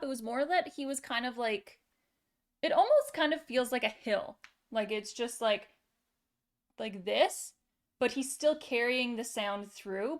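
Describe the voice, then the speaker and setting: A woman's voice: fairly high pitch, vocal fry. A woman singer giving casual reaction commentary on a song, searching for words and stopping often with fillers.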